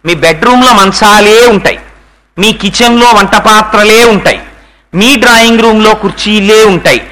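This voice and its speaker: A man's voice: high-pitched, moderate pace, bright, forceful tone, rough recording. A man giving a devotional discourse, chanting verses and then explaining them with pointed rhetorical questions to the listener. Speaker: religious discourse speaker.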